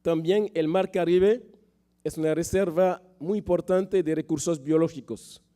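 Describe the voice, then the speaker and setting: A man giving a political speech as a panel speaker, with a sore throat he often clears and measured, halting phrasing. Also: on the high side, fairly even intonation, mellow.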